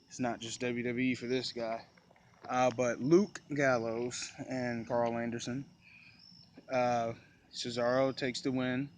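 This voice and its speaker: A man's voice: medium pitch, little pitch movement, takes it slowly, slight background noise. A man talking casually and at length to camera, loose and rambling with many fillers. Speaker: vlogger. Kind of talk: casual recap talk.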